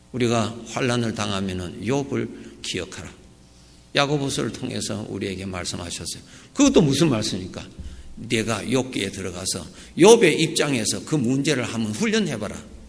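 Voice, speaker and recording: A man preaching a sermon as a pastor, lively and emphatic, with loud peaks and quiet asides. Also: on the high side. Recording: reverberant church hall.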